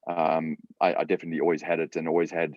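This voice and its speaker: A man's voice: extremely low pitch, flat delivery, fast, no room sound. A man from Africa, a guest chatting casually in an interview from his garage, hesitant with many fillers and repeated words. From South Africa. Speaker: guest entrepreneur. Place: home garage. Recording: dull lo-fi sound.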